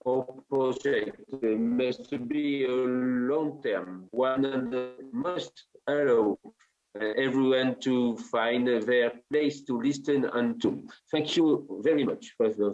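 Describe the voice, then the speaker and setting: Man, French accent, slow and halting, dull lo-fi audio, conference talk. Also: medium pitch, darkish tone. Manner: halting, many hesitations. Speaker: conference presenter.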